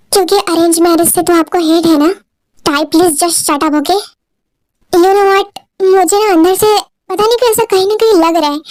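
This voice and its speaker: A woman narrating a fan audio drama and voicing a calm, sarcastic young wife. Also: very high voice, no room sound.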